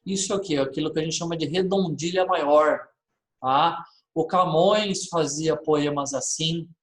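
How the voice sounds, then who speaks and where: A man's voice: on the high side, measured pace, reverberant. A man, teaching a literature lesson and checking in often with his class.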